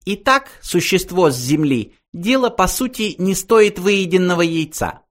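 A man squeaking as a cold, curt little mouse. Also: lively intonation, measured pace, fairly bright tone. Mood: explaining. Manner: cold, dismissive, commanding.

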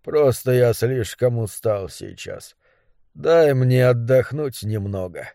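A man doing a gaunt old monster scientist, hoarse and wheezy, weary and sneering, in a dry close audiobook sound. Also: fairly high pitch, expressive, takes it slowly, darkish tone, no room sound.

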